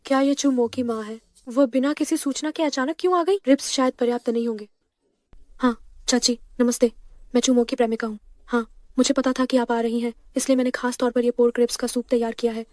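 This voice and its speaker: A woman's voice: on the high side, steady tone, brisk, no room sound, clean studio sound, lightly acted. A woman dubbing a cheerful, talkative young woman who poses as a girlfriend. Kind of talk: dubbed drama acting. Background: soft background music.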